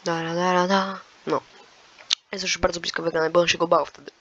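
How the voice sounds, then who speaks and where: A man's voice: high-pitched, flat delivery, fairly quick, fairly bright tone, highs cut off. A man hosting his gaming channel, reading quiz questions aloud and musing over the answers in casual commentary.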